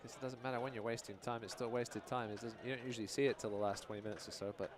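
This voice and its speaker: A man's voice: medium pitch, fairly even intonation, very fast. A man giving conversational analysis as color commentator on a live soccer match. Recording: outdoor stadium noise behind. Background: outdoor stadium ambience.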